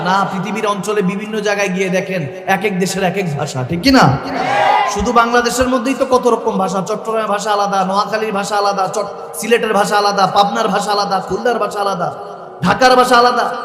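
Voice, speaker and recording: A man preaching a rousing sermon to a large gathering, often shouting to the crowd over a PA system. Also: high-pitched. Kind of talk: Islamic sermon at a religious gathering. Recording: echoey hall-like reverb over a PA, faint music.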